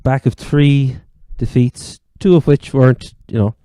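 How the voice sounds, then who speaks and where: Irish guy from cork hosting a casual sports chat, really mellow smooth voice, dry sound. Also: mid-range voice, steady tone, measured pace, no echo. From Ireland. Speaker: sports podcast host.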